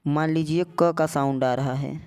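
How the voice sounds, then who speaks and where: A man's voice: fairly high pitch, fairly even intonation, moderate pace, darkish tone, clean tone. A man teaching a lesson as a tutor, repeating words and asking rhetorical either-or questions. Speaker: English tutor. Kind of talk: explanatory lesson.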